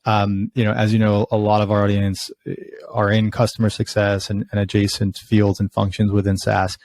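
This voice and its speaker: A man's voice: on the low side, completely flat delivery, moderate pace, a little mellow, a little hiss or hum. A man hosting a podcast interview, asking questions eagerly and often restarting his words. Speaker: podcast host. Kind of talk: conversational interview.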